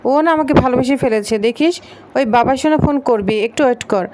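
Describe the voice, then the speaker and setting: A brash, hot-tempered young heroine who talks bluntly and bosses others around, read out by a woman narrator. Her voice sits high. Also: fast talker, a little mellow, natural voice.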